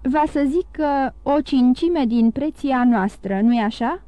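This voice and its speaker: A woman's voice: high-pitched, warm tone, no room sound, voice pushed up, close to an everyday voice. A woman voicing a greedy, hesitant middle-aged male innkeeper in an audiobook. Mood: scheming.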